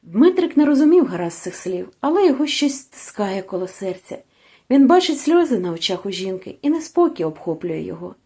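A woman narrating a literary short story aloud, reading expressively and with deep feeling. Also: big pitch swings, fairly quick, dark tone, breathy edge. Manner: emotional, rising and falling with the story. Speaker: audiobook narrator.

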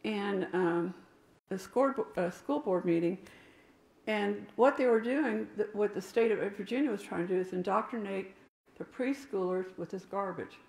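In an echoey church sanctuary, an older woman delivers an emphatic sermon, now and then speaking directly to people in the pews. Her gravelly voice is mid-range and a little mellow, at a moderate pace.

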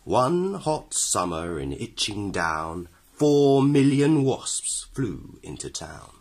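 A man's voice: lowish voice, big pitch swings, slow pace, a little mellow. A man narrating a children's storybook in rhyming verse, reading expressively with a dramatic, rhythmic delivery. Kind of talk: expressive scripted read-aloud of rhyming verse.

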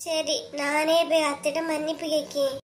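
A woman's voice: high voice, little pitch movement, normal speed, a little hiss or hum, natural voice. A woman voicing several chatty, scolding village women in a cartoon, speaking with a Kanyakumari Tamil accent. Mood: tearful. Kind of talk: cartoon voice acting.

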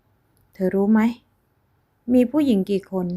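A wealthy older man speaks slowly and coolly, brushing off an accusation with calm contempt, as a woman narrator puts him on. The voice stays mellow and unhurried, a storybook reading. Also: mid-range voice, close to an everyday voice. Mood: cold calm. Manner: calm, slow, cold.

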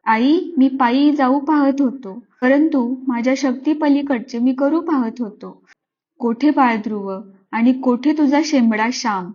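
A remorseful young boy pleads earnestly and slowly with his mother, as a woman reading the story voices him. The voice sits high. The recording is slightly dull and lo-fi. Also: darkish tone. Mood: pleading.

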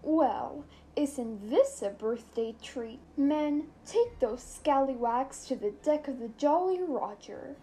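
A woman voicing a sly, scheming male pirate captain who talks slowly and gloats. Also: high voice, animated, dark tone, a little hiss or hum. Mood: gloating. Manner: slow, gloating and drawn-out.

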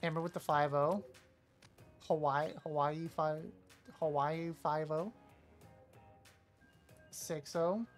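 A woman streaming a live game, trash-talking playfully, apologizing to teammates and suddenly yelling when a play goes wrong. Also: low voice, steady tone, slow pace, long pauses, soft background music. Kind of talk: live gameplay commentary.

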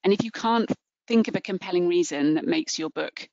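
Speaking a little fast over a video call's webcam, this middle-aged book publisher from England delivers an earnest, encouraging webinar talk with frequent ums and restarts. Her lowish voice is creaky and mellow, and the recording is dry, dull and lo-fi.

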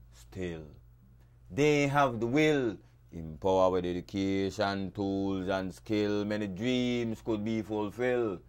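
Deep-voiced Belizean dub poet. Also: male voice, smooth. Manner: rhythmic, rhyming delivery with sharp swings in loudness. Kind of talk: dub poetry recital.

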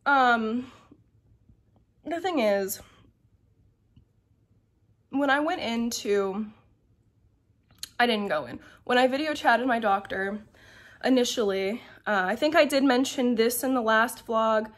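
A woman's voice: fairly high pitch, slow, pauses often, fairly bright tone. A young woman chatting to camera from her bedroom at home, meandering and filling her talk with ums and likes. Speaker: vlogger. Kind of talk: casual chat to camera.

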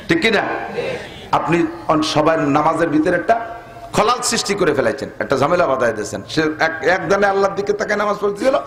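A man's voice: on the high side, fairly bright tone, echoey room. A middle-aged man from Bangladesh preaching a sermon, arguing his point with jokes and rhetorical questions to the congregation. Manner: argumentative, joking, rhetorical questions to the crowd. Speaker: Islamic preacher. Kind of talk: sermon at a religious gathering.

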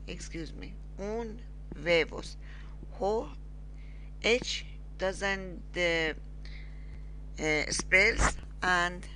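A woman with as her teaching a beginners' lesson, halting and repeating words slowly. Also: fairly low pitch, bright, forceful tone, slight background noise. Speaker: language teacher. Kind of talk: slow screen-recorded lesson.

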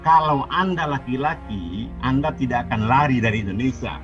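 A man's voice: mid-range voice, a little fast. A man in a heated live debate, insistent and repetitive, his voice dull-toned with music underneath. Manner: insistent, repeats himself. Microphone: live stream.

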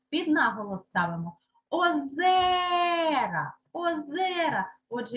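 A woman teaching a primary school language lesson, slowly stressing and repeating words for young children. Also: high voice, a bit bright, low-quality recording. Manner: slow, emphatic, repeats words aloud for children. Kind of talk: Ukrainian lesson for third graders.

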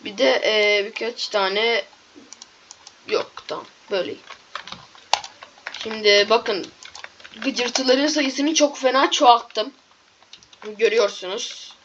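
A woman with a high voice narrates her game in a rush of yelps and pleas, then drops to quick low muttering. The recording sounds dull and lo-fi, with a faint hiss underneath. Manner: excitable, pleading and yelping at mobs, then muttering low. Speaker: gaming YouTuber. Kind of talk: Minecraft gameplay commentary.

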